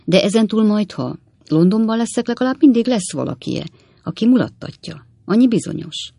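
A reader doing a kindly old gentleman lodger. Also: medium pitch, animated, creaky, no echo, clean studio sound, pitched above the performer's own voice. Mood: earnest.

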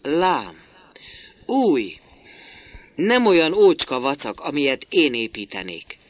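A man reading a play aloud, voicing a stubborn, bitter middle-aged master builder who talks forcefully and in exclamations. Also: fairly high pitch, huge pitch swings, voice pushed up.

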